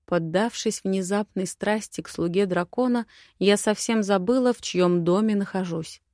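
A woman narrating a first-person romantic fantasy audiobook in an expressive way. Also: mid-range voice, moderate pace, no echo, clean studio sound.

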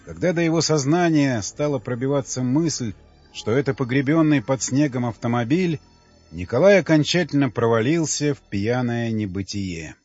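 A man narrating an audiobook in a measured, even reading with a husky voice. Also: medium pitch. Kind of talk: scripted narration. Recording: dull, dry studio sound with faint music.

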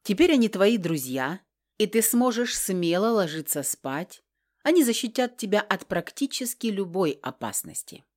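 A woman's voice: mid-range voice, sing-song, normal speed, darkish tone. Woman reading as a patient protective man.

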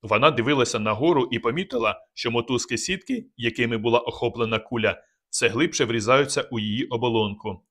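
A man narrating an audiobook in a calm, measured reading. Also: mid-range voice. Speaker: audiobook reader. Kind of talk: scripted narration.

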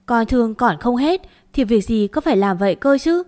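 A young daughter-in-law falsely accused, pleading her innocence in a choked, tearful voice, as a woman narrator speaks her part. Her voice lifts higher and louder than the narration. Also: animated, normal speed, lightly acted.

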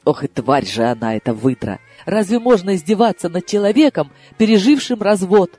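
A man reading an audiobook in the first person, theatrical and shifting between hushed asides and excited outbursts. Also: high voice, a little fast. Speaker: audiobook reader. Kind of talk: expressive audiobook narration. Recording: dry close mic with faint music.

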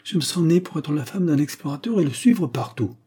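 An exuberant young lady who lives for danger bursts out in lifted, breathless exclamations, as a male reader puts her on. The voice stays warm and mellow with a husky grain, pitched well above the reader's own, as in a read-aloud adventure novel. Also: expressive, brisk. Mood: excited. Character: spirited young woman, thrill-seeking, exuberant.

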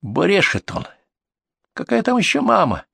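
A man's voice: high-pitched, huge pitch swings, measured pace, vocal fry, fairly bright tone, slightly rough, no room sound, studio quality, voice pushed up, full character voice. A man voicing a tough young male paramedic who speaks in a threatening, scornful way, in a storybook reading.

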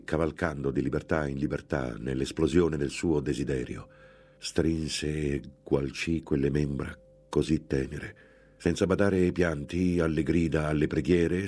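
A man narrates a gothic novel in a very deep, husky voice. His reading is measured and dramatic, and the sentences are carefully weighted. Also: dark tone. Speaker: audiobook reader.

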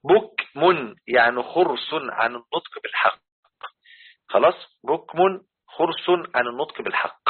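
A man's voice: mid-range voice, moderate pace, breathy edge. A man with an Egyptian Arabic accent explaining Quran commentary to a class, repeating his points and often checking that listeners follow. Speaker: religious teacher. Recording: tinny phone-like recording.

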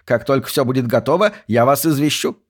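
A man voicing an excitable, talkative old male museum archivist who snorts as he speaks, in a raised voice. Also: medium pitch, brisk, slightly rough, close to an everyday voice. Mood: eager.

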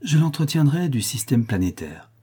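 A man's voice: medium pitch, very animated, normal speed, dark tone, breathy edge, pitched above the performer's own voice. A man voicing a grave, pretentious mad scholar in an audiobook, speaking in a lecturing, self-important way. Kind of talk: audiobook character voice.

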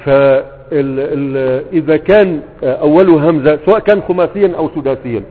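A man with an Egyptian accent gives a grammar lesson in a fairly high voice. He drills verb patterns in slow repetitions and keeps checking that his listeners follow. The sound is thin and phone-like, with a long reverb trailing behind it. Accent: Egyptian Arabic. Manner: repeats verb patterns slowly, asks "تمام؟" to check understanding. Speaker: grammar teacher. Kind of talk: spoken lesson explaining verse on Arabic morphology.

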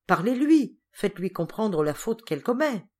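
A woman's voice: fairly low pitch, expressive, normal speed. A woman voicing an agitated, indignant older uncle in an audiobook. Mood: angry. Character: angry stern older uncle, a man.

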